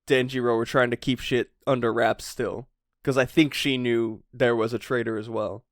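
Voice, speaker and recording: Excitable, swearing podcast co-host man. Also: medium pitch, moderate pace, dry recording, clean studio sound. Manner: excitable, swears often, laughs a lot. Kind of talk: casual chat.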